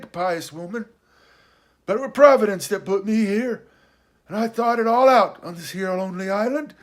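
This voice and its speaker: Voicing a sly, childish castaway sailor who is half out of his mind, a man rambles excitably in rustic nautical dialect for an adventure storybook. His voice is pushed up to sit high, sounding hoarse and awkward.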